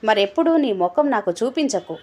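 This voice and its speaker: A distressed young wife in an audio storybook, indignant and shaken, whose voice climbs high as she scolds. A woman reads her part. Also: animated, moderate pace, a little mellow, faint music behind. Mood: agitated. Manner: agitated, scolding.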